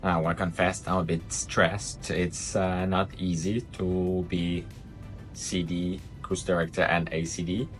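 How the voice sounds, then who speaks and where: A man's voice: sits low, flat delivery, unhurried, soft background music. A man chatting casually as he vlogs his working day as an assistant cruise director. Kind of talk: casual vlog chat.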